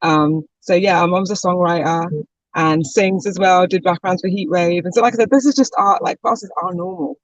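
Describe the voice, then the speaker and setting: Speaking a little fast in a lowish voice, this singer-songwriter is a chatty interview guest full of fillers and quick laughter. The recording is muffled, with no echo.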